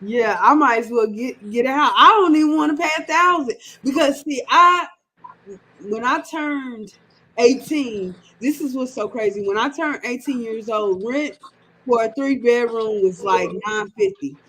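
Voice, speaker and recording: A woman's voice: on the high side, measured pace, sharp tone, rough recording. Ranting woman in her thirties. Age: 30s. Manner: chatty, ranting with emphatic repetition. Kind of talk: casual sports-show chat.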